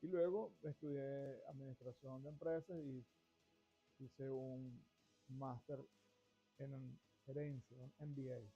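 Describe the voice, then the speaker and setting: A man's voice: medium pitch, steady tone, slow pace, mellow. A middle-aged man from Venezuela hosting a finance show, talking at length in a discursive way that restarts phrases. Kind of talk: monologue to camera. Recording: dull lo-fi sound with faint music.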